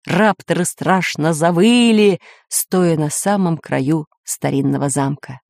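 A woman narrating a children's storybook with expressive, lively storytelling. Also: sits low, slow pace, gravelly, dry recording, clean studio sound.

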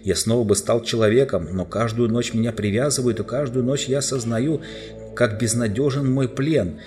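A man's voice: mid-range voice, moderate pace, darkish tone, soft background music, close to an everyday voice. A man reading aloud and voicing a desperate, enchanted young knight who is tied to a chair, pleading passionately. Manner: impassioned, pleading then raging.

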